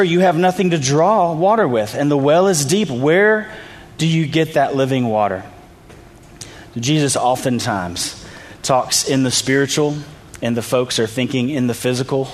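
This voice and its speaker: A man preaching a sermon, retelling a story in a relaxed, conversational way and briefly acting out the people in it. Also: mid-range voice. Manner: conversational storytelling, acts out quoted voices. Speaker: pastor. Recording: reverberant hall, faint ambience.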